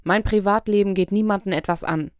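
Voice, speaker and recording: Woman voicing a defensive young man, proud, sharp protests, dry close audiobook sound. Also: mid-range voice, fairly even intonation, brisk, no echo, natural voice. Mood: indignant. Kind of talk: audiobook character voice.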